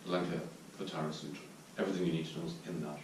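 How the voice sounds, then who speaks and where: A man with an Irish accent giving a reflective dharma talk as a Zen teacher at a retreat, pausing to search for his words. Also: sits low, steady tone. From Ireland. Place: meditation hall at a retreat centre. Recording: distant mic in a very echoey room with faint noise.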